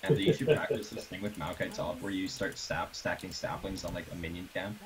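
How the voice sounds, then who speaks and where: A young man giving quick tips to teammates over voice chat during a game. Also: low-pitched, crowd noise, low-quality recording. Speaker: gamer on voice chat.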